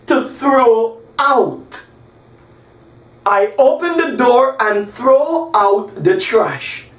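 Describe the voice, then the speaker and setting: A Guyanese man in his forties teaches an English lesson at a whiteboard in a small room, spelling out example sentences slowly and emphatically. His voice is extremely high, and he's animated, gesturing as he goes. A camera across the room picks him up from a distance, so the sound is echoey.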